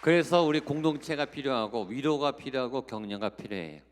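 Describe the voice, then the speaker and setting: A man's voice: medium pitch, animated, brisk. A man preaching a Korean sermon as a guest revival speaker, exhorting the congregation with rhetorical questions and acting out quoted voices. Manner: acts out quoted voices in the telling. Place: large church sanctuary. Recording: long hall reverb of a church sanctuary.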